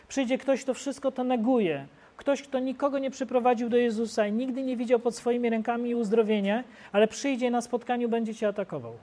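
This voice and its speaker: A man preaching a sermon in an animated, storytelling way. His voice jumps from loud, excited bursts to low, quiet asides as he paints the scene for the congregation.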